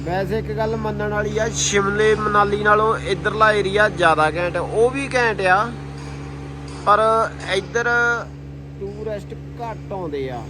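A man with an Indian Punjabi accent narrates his trip like a casual vlogger. His voice sits a little high for a man, and his talk is slangy and full of admiring exclamations. Faint street and vehicle noise runs behind him. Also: unhurried. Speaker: travel vlogger. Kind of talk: casual travel vlog narration.

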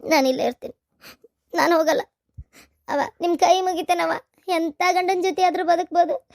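This is a tearful, wronged young wife in a cartoon, as a woman voices her, pleading in a North Karnataka Kannada accent. Her voice sits very high. The sound is dry and close. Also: steady tone, normal speed, darkish tone, no echo. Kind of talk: cartoon voice acting.

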